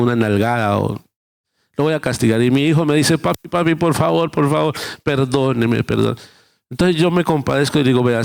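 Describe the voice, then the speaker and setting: Guy pastor giving a sermon, gravelly low-edged voice, tells little stories and plays out the dialogue. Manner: preaching with everyday illustrations, acting out dialogue.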